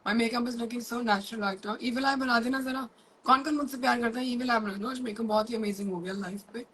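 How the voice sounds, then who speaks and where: A middle-aged woman with an Indian accent, chatting live with her followers from a room at home, mixing Hindi and English with rushed asides. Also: a little high, steady tone, a bit bright, a little hiss or hum, rough recording. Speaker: makeup artist and academy owner. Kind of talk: live-stream chat to followers.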